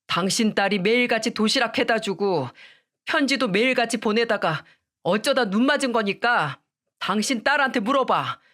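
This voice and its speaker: A woman's voice: on the high side, animated, normal speed, fairly bright tone. A woman reading a young son, firm and blunt. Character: young male lawyer, firm and devoted son.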